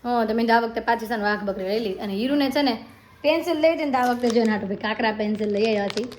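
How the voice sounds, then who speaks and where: A woman's voice: fairly high pitch, racing, slight background noise. A woman narrating a casual family vlog at home, chatty and affectionate as she coaxes her children. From India. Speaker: family vlogger.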